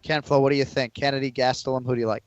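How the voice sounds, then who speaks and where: A man hosting a casual sports podcast, relaxed, reading out betting odds and swearing now and then. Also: medium pitch, rapid-fire, smooth, dry recording, lo-fi sound. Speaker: podcast host.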